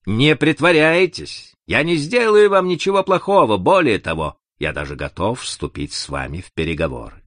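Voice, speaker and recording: A man's voice: mid-range voice, big pitch swings, normal speed, few pauses, fairly bright tone, no room sound, clean studio sound, pitched above the performer's own voice. A man voicing a cunning, cruel male criminal who speaks in a cold, menacing way in an audiobook reading.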